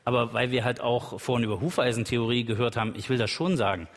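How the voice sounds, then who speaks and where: A man's voice: medium pitch, quick pace. Combative man debating in a hall. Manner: assertive, combative, with hesitation sounds. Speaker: party politician in a panel debate. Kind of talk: televised panel debate. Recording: hall with long reverb.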